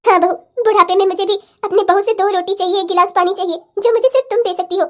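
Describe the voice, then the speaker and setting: A woman's voice: extremely high pitch, fairly even intonation, fast talker, fairly bright tone. A woman voicing a fiery older mother-in-law who scolds her daughter and then pleads with her daughter-in-law in a cartoon drama. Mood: repentant. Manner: scolding, emotional. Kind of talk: cartoon family-drama dubbing.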